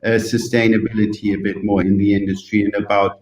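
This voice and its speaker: A man with a German accent, a native German speaker, giving thoughtful interview answers haltingly, searching for words as if translating in his head. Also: fairly low pitch, level tone, darkish tone, a little hiss or hum. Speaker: interview guest from the yachting industry. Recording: roomy, echoing sound.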